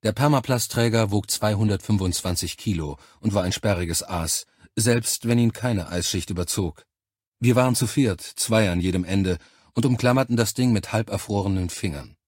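A man reading a science fiction novel aloud in calm, measured first-person narration. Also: fairly low pitch, breathy edge, no room sound, studio quality. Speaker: audiobook narrator.

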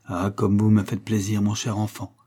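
A man's voice: fairly low pitch, completely flat delivery, moderate pace, mellow, husky. A man voicing a kindly, idealistic elderly scientist, declaiming with emphasis in a storybook reading. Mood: fervent.

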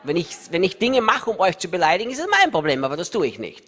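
A man preaching in a large reverberant hall, his voice ringing with a long echo and now and then drifting away from the mic. He preaches with raw feeling, often close to tears and quick to laugh, shifting from loud emphasis to hushed asides. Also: high-pitched, very animated. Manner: emotional, tearful, laughs often, wide swings between loud emphasis and soft asides. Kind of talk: sermon.

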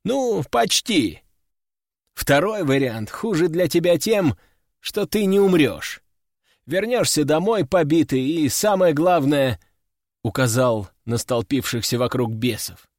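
A man voicing a calm, mocking male demonologist hero in first person. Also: on the high side, slow, dry recording, clean studio sound, exaggerated voice. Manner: laconic, mocking.

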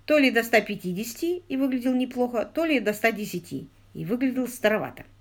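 A woman's voice: fairly high pitch, expressive, fast. A woman narrating a comic story in a dry, ironic way. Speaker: audiobook narrator. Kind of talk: scripted narration.

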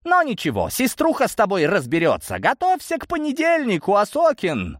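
A man putting on a rowdy blonde bully girl, much higher than his own voice, swooping and lively, with a dry close sound, gloating and bossy, read as an audiobook character. She sounds fully in charge and pleased with herself. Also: normal speed, no room sound, heavily acted.

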